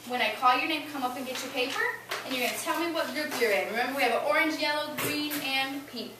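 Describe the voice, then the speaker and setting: Lady doing kindergarten teacher voice, pretty high, super echoey noisy classroom, giving little kids directions. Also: fast. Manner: kindergarten teacher voice, simple clear directions and praise. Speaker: elementary school teacher. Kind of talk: classroom instruction to young children. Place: indoor classroom. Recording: echoey noisy classroom, distant mic with clicks. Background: classroom noise with children.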